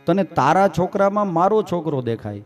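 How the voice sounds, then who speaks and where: A dismissive, scolding mother waves off a shouting neighbour, as a male storyteller plays her. She speaks, a little higher than a plain man's voice. Faint instrumental music sits in the background. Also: lively intonation, moderate pace. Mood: scornful. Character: irritated mother, adult woman, scolding.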